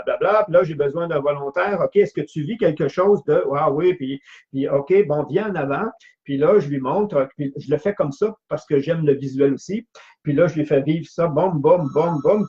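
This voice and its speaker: A man's voice: a little high, a little mellow. A man with a Quebec French accent teaches a workshop audience in a slightly raised voice. He keeps asking "ok?" and circles back over the same phrases. The recording sounds dull and lo-fi. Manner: keeps checking in with "ok?", repeats his phrases. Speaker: personal growth workshop leader.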